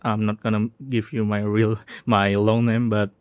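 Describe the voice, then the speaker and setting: A man's voice: on the low side, little pitch movement, unhurried, smooth, no room sound. A young man from Indonesia in his twenties, a guest on a casual podcast. He is laid-back and teasing and laughs a lot.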